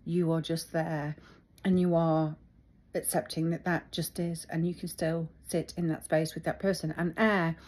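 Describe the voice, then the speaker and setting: Husky-voiced woman reflecting aloud. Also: low-pitched, flat delivery, darkish tone. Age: middle-aged. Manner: thoughtful, halting, searching for words. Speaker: vlogger. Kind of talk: reflective personal talk.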